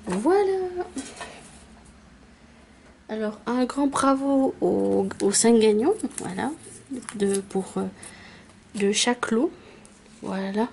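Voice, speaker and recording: A woman's voice: fairly high pitch, animated, creaky, a little mellow, a little hiss or hum. A woman YouTuber casually announcing giveaway winners, hesitant and full of fillers. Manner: slow, hesitant, many fillers. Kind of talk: casual vlog chat.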